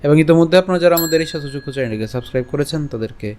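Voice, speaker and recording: A man giving a recorded scripture lesson, explaining pronunciation step by step and reciting verses in a slow, deliberate chant. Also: a little high. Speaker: religious teacher.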